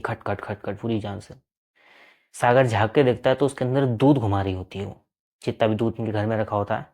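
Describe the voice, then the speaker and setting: A man's voice: lowish voice, dark tone. Conversational male horror storyteller. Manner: plain conversational retelling. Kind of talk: storytelling narration.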